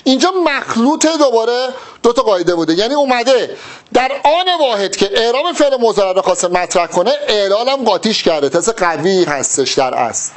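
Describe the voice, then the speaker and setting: High-voiced man teaching step by step. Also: sing-song. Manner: asks rhetorical questions and answers them himself; explains step by step. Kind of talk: exam-prep grammar lesson.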